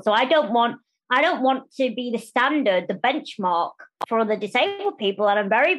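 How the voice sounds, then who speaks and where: A woman speaking candidly as a podcast interview guest, animated and quick to restart phrases and act out what others say. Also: a little high, rough recording. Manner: animated, restarts phrases, acts out quoted voices.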